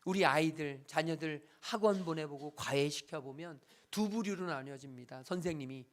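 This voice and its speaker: A pastor delivering a Sunday sermon, swelling to loud, emphatic declarations and falling back to a soft, confessional tone, with repeated parallel phrases. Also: mid-range voice, normal speed.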